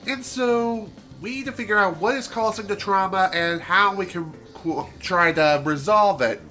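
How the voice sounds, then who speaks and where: A streamer with a high-sitting, sharp voice talks at a moderate pace while playing a video game to game music. His tone is nasal and congested, and his casual let's-play commentary includes chatty, self-deprecating asides.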